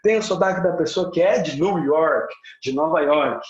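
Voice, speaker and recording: In a slightly muffled, echoey recording, a Brazilian man teaches English with emphatic motivation, his Brazilian Portuguese accent clear. His voice runs on the high side at normal speed, and he repeats points for stress while dropping in English words.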